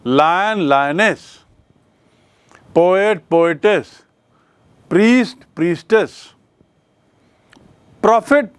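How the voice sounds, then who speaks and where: A male teacher leads a grammar lesson at a very unhurried pace, asking questions and answering them himself. His voice sits somewhat high for a man, and he spells words out letter by letter. The recording is dry and close. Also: smooth, no echo. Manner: explains in Hindi mixed with English, repeats questions and spells words letter by letter.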